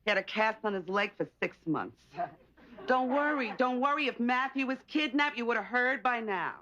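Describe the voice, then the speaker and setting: An actress playing a gossipy, tactless neighbor in a sitcom, offering unhelpful comfort. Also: female voice, fairly high pitch, lively intonation, normal speed, close to an everyday voice. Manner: gossipy, falsely soothing, tactless. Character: meddling, tactless chatty neighbor lady. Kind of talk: sitcom acting. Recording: dull lo-fi TV audio with loud hiss.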